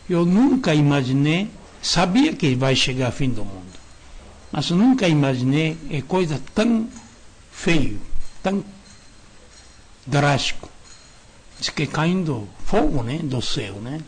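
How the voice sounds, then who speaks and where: A reverend giving an earnest sermon-style lecture, speaking in short broken phrases, repeating key words and tagging sentences with questions. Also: male voice, on the high side, big pitch swings, slow pace, long pauses, slightly rough.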